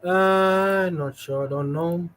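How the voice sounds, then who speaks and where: Very slow and a bit bright, this high male voice belongs to a livestream host chatting casually with viewers. He reads their comments and tells stories, rambling and hesitating with frequent fillers.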